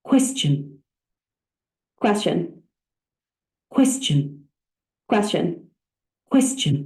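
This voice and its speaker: A woman's recorded dictionary voice pronouncing single words carefully and crisply. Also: on the low side, big pitch swings, slow pace, a little mellow. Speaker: dictionary pronunciation audio. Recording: roomy echoey playback.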